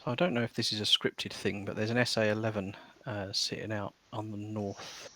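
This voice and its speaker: A man's voice: lowish voice, little pitch movement, brisk, a bit bright. A man playing a flight sim, speaking in a dry, matter-of-fact way. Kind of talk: casual chat and radio calls.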